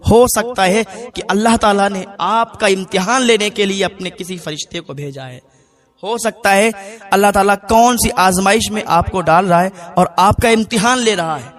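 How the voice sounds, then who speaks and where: A man's voice: high-pitched, fairly bright tone. A male Islamic preacher telling a moral story in an earnest, moralizing sermon and addressing his listeners as brothers.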